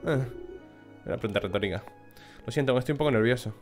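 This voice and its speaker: Guy reading a nervous earnest little boy from a horror game, quick lines. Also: medium pitch, faint music behind, natural voice. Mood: anxious. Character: earnest young boy lost in a haunted academy.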